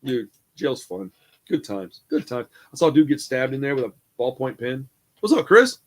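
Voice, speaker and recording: A man's voice: medium pitch, moderate pace. A man telling a rambling jail story on a casual hangout show, swearing freely and acting out the people in it. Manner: animated, profane, acts out the people in his stories. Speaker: podcast co-host.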